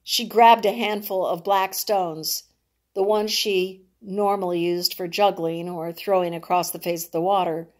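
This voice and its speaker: A woman reads her own novel aloud in a deliberate, dramatic narrating style, sometimes stumbling over words. Her voice is on the low side and steady.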